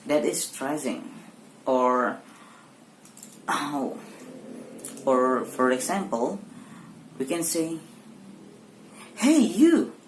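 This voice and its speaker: A young woman from Indonesia with an Indonesian accent, giving a university exam presentation in a hesitant, halting way with many fillers and restarts. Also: very deep voice. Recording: echoey room with faint background noise.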